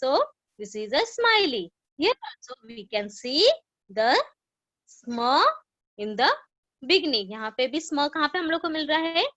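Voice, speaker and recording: A woman's voice: high voice, big pitch swings, a bit bright, no room sound. A woman with an Indian accent teaching an online phonics lesson to children, asking questions and repeating sounds. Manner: slow, drawn-out teaching with repeated questions, switching between English and Hindi.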